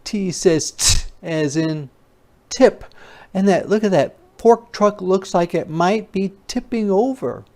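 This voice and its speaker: Speaking slowly in a mid-range voice, a teacher reads to small children in a phonics lesson. Letter sounds and words get carefully exaggerated enunciation, sprinkled with playful, expressive asides.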